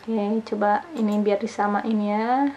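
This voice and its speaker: A woman's voice: mid-range voice, flat delivery, unhurried, mellow. A young woman teaching a language lesson online, explaining patiently in a casual, chatty way.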